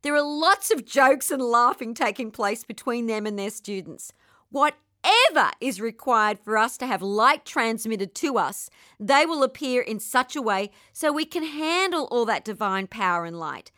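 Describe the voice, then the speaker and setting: A woman with an Australian accent giving an earnest, gently enthusiastic spiritual talk. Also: fairly high pitch, animated, measured pace, no room sound, clean studio sound. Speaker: spiritual teacher.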